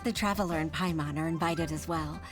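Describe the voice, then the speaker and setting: An earnest official, voiced by a woman in a game, formal and grateful in her manner. Her voice sits somewhat low, and clear music plays behind her. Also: steady tone, a little fast, close to an everyday voice.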